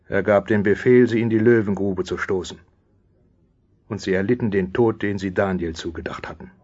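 A man playing a loyal courtier who narrates a radio play in a solemn, deliberate way. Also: mid-range voice, husky, lo-fi sound, natural voice. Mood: dramatic. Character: loyal royal courtier recounting events as storyteller. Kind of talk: dramatised scripted narration.

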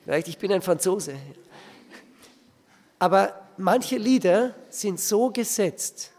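A man's voice: high voice, lively intonation, slow pace, darkish tone. A man giving a church teaching, often asking his listeners rhetorical questions. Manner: asks the audience rhetorical questions. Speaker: preacher. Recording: reverberant hall.

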